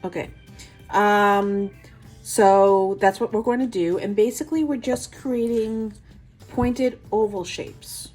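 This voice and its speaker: A woman's voice: medium pitch, slow pace, a little mellow, soft background music. A woman with a New York accent hosting a nail art tutorial, talking through each step with chatty, self-deprecating asides.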